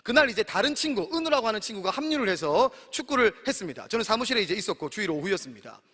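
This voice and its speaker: A man in his thirties delivers an animated sermon, calling out to his congregation. His voice is bright and sharp and swings widely in pitch. A long reverb trails each phrase in the large hall. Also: very fast, breathy edge. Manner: animated preaching, addressing the congregation often. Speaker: pastor. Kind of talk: sermon at a campus worship service.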